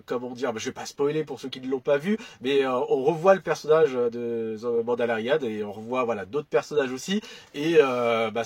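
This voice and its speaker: Husky, hesitant man chatting. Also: fairly high pitch. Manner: hesitant, many fillers and restarts. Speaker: film collector youtuber. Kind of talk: casual chat about his disc purchases.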